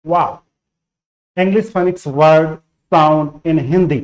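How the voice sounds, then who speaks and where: In this beginner Hindi phonics lesson, a man with a fairly high-pitched voice takes his time. He repeats every letter sound many times and keeps pausing to check on his students.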